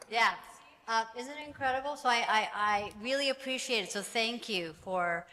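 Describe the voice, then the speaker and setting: A woman with a fairly high, sharp voice speaks a little slowly. She's a panel guest and actor chatting casually, restarting often and laughing easily. The event hall, with its audience, carries a long reverb.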